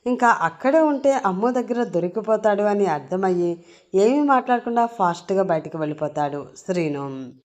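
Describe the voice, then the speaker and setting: A woman's voice: mid-range voice, animated, moderate pace, darkish tone. Woman storyteller reading a serial. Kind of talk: audio story narration.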